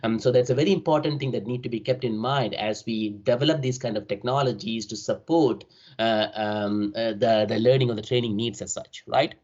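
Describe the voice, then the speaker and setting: This middle-aged faculty member, South Indian accented, talks a little fast in a medium-pitched, darkish voice as he gives an academic talk over an online call. Phrases like "right?" are tacked onto many of his sentences. The recording has that dull, band-limited online call quality.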